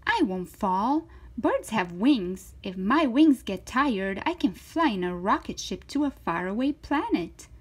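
A woman's voice: medium pitch, big pitch swings, measured pace, slightly rough, voice pushed up. A woman voicing a confident, defiant little girl from a children's storybook, emphatic and eager. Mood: eager, dreamy.

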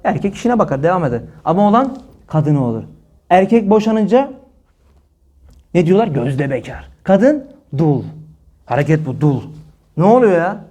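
A man's voice: high voice, big pitch swings, moderate pace, pauses often, dark tone. A man giving a religious talk, scolding his listeners with emphatic rhetorical questions. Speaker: preacher.

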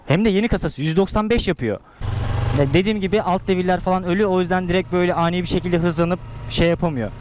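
A young man with a fairly high voice talks quickly in a slangy, teasing way, as if to viewers and a riding buddy. He is speaking inside a motorcycle helmet, with some engine and traffic noise around him. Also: a little mellow. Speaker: motorcycle vlogger. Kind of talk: casual motovlog chat and commentary.

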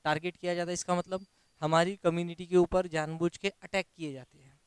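A man teaching English for an exam, with an Indian accent, reading English sentences slowly, then explaining them in Hindi and asking rhetorical questions. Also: high-pitched, flat delivery, clean tone, dry recording. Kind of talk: classroom lecture.

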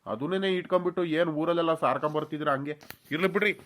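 A man's voice: fairly high pitch, quick pace, fairly bright tone, close to an everyday voice. A man voicing a cocky young village man in a cartoon, speaking in a breezy, reassuring way. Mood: sulky.

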